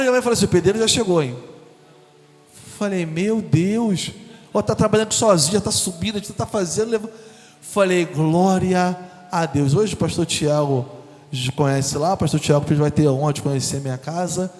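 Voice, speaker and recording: A man preaching a testimony sermon, telling his story and acting out the dialogue. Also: high-pitched. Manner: animated storytelling, acts out dialogue. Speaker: guest preacher. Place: church hall. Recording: long hall reverb with faint music.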